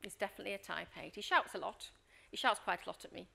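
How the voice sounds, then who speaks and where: A middle-aged leadership coach and workshop trainer talks fast in a mid-range voice with vocal fry. She's a lively storyteller, acting out scenes in her workshop anecdotes and often checking in with the room by asking "Okay?"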